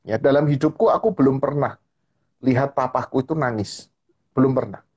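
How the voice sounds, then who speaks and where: A man speaking as a guest on a live-stream chat, telling a personal story in an animated way and often repeating a filler tag. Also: mid-range voice, normal speed, husky. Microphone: live-stream call. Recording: online live-stream audio.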